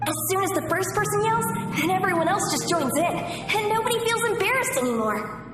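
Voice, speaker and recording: An actress voicing an eager, good-natured small child in a video game, childlike and earnest. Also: female voice, very high-pitched, expressive, fairly quick. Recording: echoey, distant flashback reverb over music.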